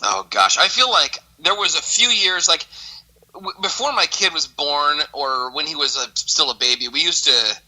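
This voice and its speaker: A man in his thirties with a very bright, sharp voice, chatting casually as a podcast co-host. He tells stories with energy and slips into little voices when he quotes people. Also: a little high, moderate pace, poor audio. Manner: animated storyteller, acts out quotes. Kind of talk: casual chat.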